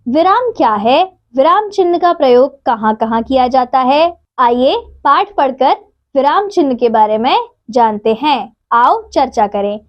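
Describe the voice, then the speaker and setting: A woman teaching a grammar lesson to children, reading out examples slowly and clearly. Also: sits high, lively intonation, dull audio.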